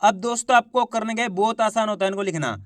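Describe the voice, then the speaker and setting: A man teaching children to read, sounding out each syllable loudly before blending the word, then coaching viewers as friends. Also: high voice, fast, no room sound, clean studio sound. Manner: addresses viewers as friends, coaxing and repetitive. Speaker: Hindi reading teacher. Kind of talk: slow syllable-by-syllable reading lesson.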